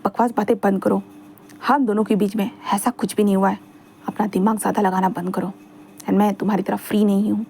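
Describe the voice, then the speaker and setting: A woman's voice: mid-range voice, brisk, gravelly, a little hiss or hum, close to an everyday voice. A woman voicing a rude, aloof man who answers curtly and dismissively in a read-aloud fan fiction story. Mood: cold. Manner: curt, dismissive, flat. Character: cold, rude male alpha, aloof businessman.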